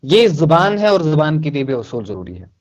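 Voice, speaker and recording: Lively Kashmiri man giving writing advice. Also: a little high, moderate pace. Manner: lively, mixes English words into Hindi, repeats phrases. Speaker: writer, interview guest. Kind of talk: casual interview answers.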